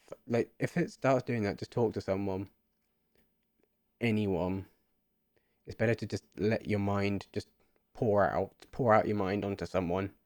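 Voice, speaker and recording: Talking to camera for a casual vlog, a man in his twenties reflects earnestly, rambles, and repeats himself. The voice is on the low side and a little mellow, recorded cleanly in a studio without any room sound.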